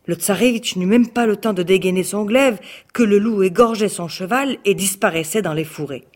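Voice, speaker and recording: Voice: mid-range voice, moderate pace, darkish tone. Radio storyteller, studio read, chant-like refrains. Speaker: actor reading a childhood book. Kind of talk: storybook narration.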